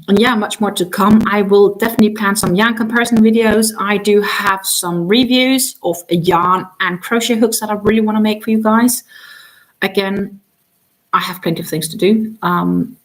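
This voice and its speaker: Tired after a long day, this chatty crochet livestream host talks casually with lots of ums, often trailing off and beginning again. A native Danish speaker, she has a mid-range, steady voice at normal speed, heard on a low-quality recording.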